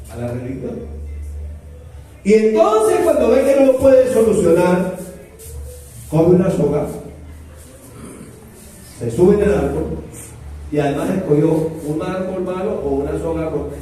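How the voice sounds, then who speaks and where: A man's voice: high-pitched, dark tone. A man preaching a sermon, telling Bible stories with dramatic rises and drops in his voice. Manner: storytelling with dramatic rises and falls. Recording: echoey room, mic at a distance.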